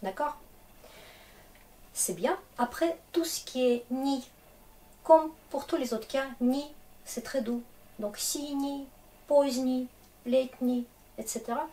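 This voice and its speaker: Slow, mellow-voiced woman teacher. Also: high voice, distant mic. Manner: chatty, encouraging, checks in with "d'accord?". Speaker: Russian teacher. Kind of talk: casual lesson explaining grammar.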